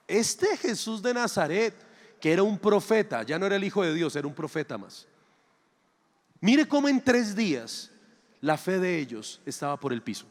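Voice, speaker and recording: A man preaching, his voice sitting high for a man. He is dramatic and theatrical, acting out little dialogues and asking the crowd rhetorical questions. His voice rings with long reverb in a big hall. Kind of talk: sermon.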